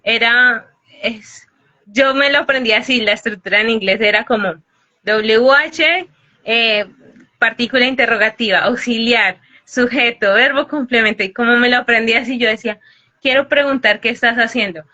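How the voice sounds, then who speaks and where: A woman's voice: a little high, moderate pace, sharp tone, highs cut off. A woman from Colombia hosting a casual live-stream chat, explaining with everyday examples and laughing at herself, heard over a video call. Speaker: host and English teacher.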